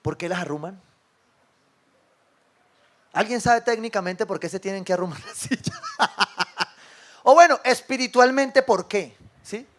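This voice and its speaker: A male pastor preaches in a high, bright voice. He talks to his congregation like a friend, telling stories in quoted dialogue and checking for agreement along the way. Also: moderate pace. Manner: conversational, often asks the congregation for agreement. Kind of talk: sermon. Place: church service with a congregation.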